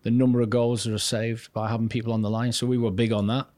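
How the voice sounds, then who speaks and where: An older man from north-east England, a former goalkeeping coach, is a guest on a studio podcast, speaking fast in a medium-pitched, level, slightly mellow voice with no room sound. He tells long, rambling anecdotes in a chatty way. He often restarts sentences and acts out the voices of people he quotes.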